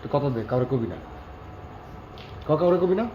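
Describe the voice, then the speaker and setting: An actor playing a flustered bachelor who talks in a hushed, urgent way. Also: male voice, mid-range voice, lively intonation, fairly quick, close to an everyday voice. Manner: hushed and urgent, pleading for quiet. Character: flustered bachelor hiding a foreign woman. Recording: echoey, dull and noisy location sound.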